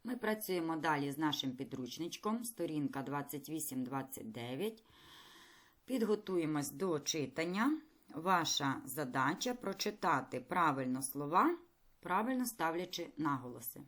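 A woman teaching a primary school lesson in a recorded video, speaking clearly, patiently and encouragingly. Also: sits low, sing-song, moderate pace, fairly bright tone.

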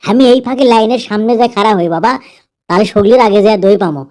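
A man's voice: high-pitched, fast talker, darkish tone, close to an everyday voice. A man with a northern Bangladeshi Bogura accent voicing a bumbling, greedy young army recruit in a comedy dub, whining and muttering to himself. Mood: grumbling. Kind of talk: comedy dubbing in dialect.

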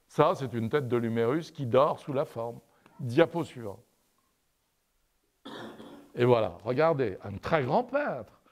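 A male lecturer giving a university lecture over slides. He tells a story in a halting way and keeps adding "n'est-ce pas?". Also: mid-range voice, a little mellow. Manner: hesitant, with many "euh" and restarts. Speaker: lecturer in artistic anatomy. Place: lecture room, commenting on projected slides.

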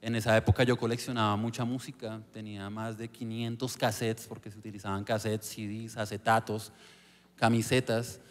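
A man's voice: lowish voice, level tone. Earnest man in an echoey hall. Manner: earnest, halting with frequent restarts. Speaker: panel guest giving testimony. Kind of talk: church testimony storytelling.

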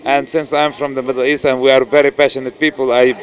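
This middle-aged Lebanese-accented actor talks fast in a mid-range, level tone. He's being interviewed casually at a noisy indoor event, holding a handheld mic, and he speaks earnestly, restarting often and using plenty of fillers.

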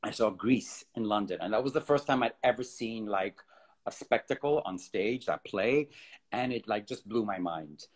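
A man's voice: on the low side, normal speed, husky. Kenyan-born man telling stories on a video call. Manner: relaxed storytelling with frequent ums and likes. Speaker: theater director. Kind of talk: casual video-call interview. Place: home room with bookshelves. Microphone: laptop webcam on video call.

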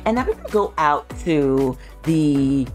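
Low-voiced, gushing woman vlogger. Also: a little slow, soft background music. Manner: gushing, excitable, repeats herself for emphasis; talks straight to viewers with slangy asides. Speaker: vlogger giving a virtual home tour. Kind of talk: casual chatty tour narration.

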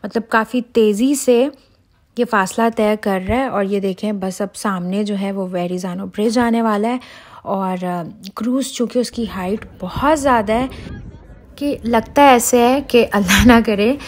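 A woman's voice: mid-range voice, measured pace. A woman in her thirties chatting to viewers in a casual travel vlog, recorded outdoors on a cruise ship deck with a handheld phone. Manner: chatty, excited, talks to viewers directly. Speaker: vlogger.

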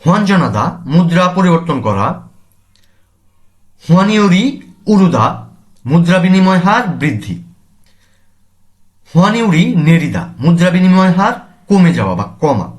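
A man's voice: high voice, big pitch swings, measured pace, long pauses. A man teaching a language lesson, reading each word aloud and then explaining its meaning and use. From Bangladesh.

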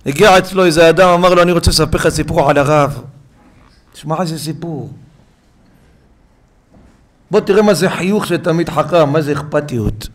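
Emotional rabbi preaching with a higher voice. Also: male voice, long pauses. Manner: emotional, repeats phrases for emphasis, swings between loud and soft. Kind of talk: sermon with storytelling. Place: synagogue.

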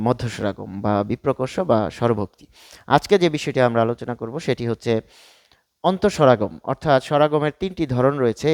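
A man in the middle of his pitch range teaches a grammar lesson, working through examples step by step. He pauses often and fills gaps with short hums as he thinks. The recording is dry and close, with no room sound. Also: darkish tone, dry recording. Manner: explains step by step with frequent pauses and fillers.

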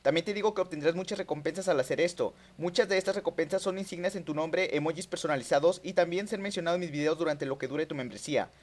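A young man with a Mexican Spanish accent giving excitable live commentary over a racing game, talking to his viewers and rival players. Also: a little high, fast, few pauses. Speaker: gaming streamer.

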